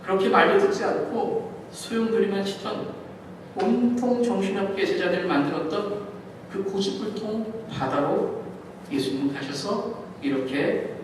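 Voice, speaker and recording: A man's voice: sits high, moderate pace, slight background noise. A male pastor preaching a sermon in a church, telling the story dramatically and acting out the scenes. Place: church sanctuary. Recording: echoey hall from far off.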